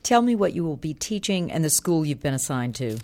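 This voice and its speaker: Low-voiced woman interviewer. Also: very animated, brisk, darkish tone. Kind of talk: interview questions.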